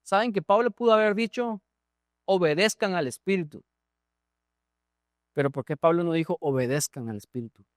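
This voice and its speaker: Man, Guatemalan Spanish accent, pastor, sermon, questions to the congregation, higher voice, dry close sound. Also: moderate pace, long pauses, dry recording. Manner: asks the congregation questions and repeats words while preaching. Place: church.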